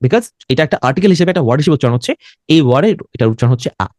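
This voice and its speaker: A man's voice: on the high side, expressive, racing, a little mellow, no room sound, studio quality. A man with a Bangladeshi accent teaching an English pronunciation class, switching between English and Bengali and quizzing his students. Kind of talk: classroom lesson.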